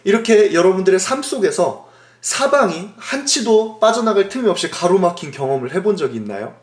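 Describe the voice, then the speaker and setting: A male pastor telling a Bible story in a Sunday school sermon, animated and often asking his listeners questions, in an echoey room. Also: sits high, fairly quick.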